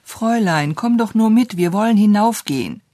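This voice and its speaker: A reader voicing an excitable, stubborn little girl in a storybook tale, pleading and indignant in turn. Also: mid-range voice, measured pace, no echo, clean studio sound. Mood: pleading excited.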